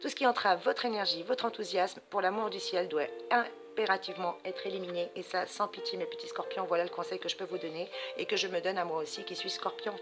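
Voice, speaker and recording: A woman's voice: on the low side, steady tone, fast, few pauses. A woman hosting a card-reading channel, giving spiritual guidance to viewers in a chatty, affectionate way, calling them sweet pet names. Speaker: astrology and tarot channel host. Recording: music playing behind voice.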